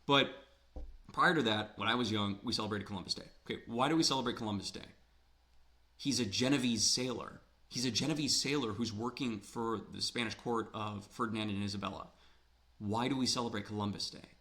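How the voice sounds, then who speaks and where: With a fairly low, brisk voice and a sharp tone, a man from Ohio, USA, delivers a literature lecture in a chatty way. He poses rhetorical questions and repeats words for emphasis, his voice slightly worn and beginning to give out.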